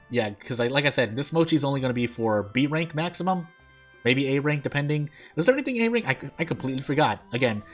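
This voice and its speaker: Casting: male gaming streamer, mid-pitched, overbite articulation, rambling off-the-cuff commentary, music underneath. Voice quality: slight lisp-like articulation from an overbite, teeth catching the lip. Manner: rambling, thinking aloud. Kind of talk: casual rambling game commentary. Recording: game music behind the voice. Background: game music.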